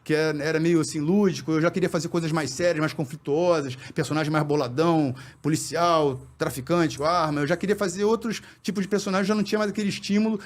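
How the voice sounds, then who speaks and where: A man, talking in a casual interview about his past, in a rapid, halting way with lots of repeated words. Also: a little high, steady tone. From born in New York, raised in Brazil. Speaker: podcast guest, actor.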